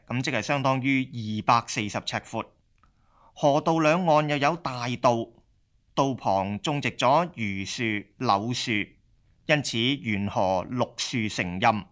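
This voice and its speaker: A male narrator reads a scripted history lesson. He keeps his delivery steady and explanatory, with a voice of middling pitch.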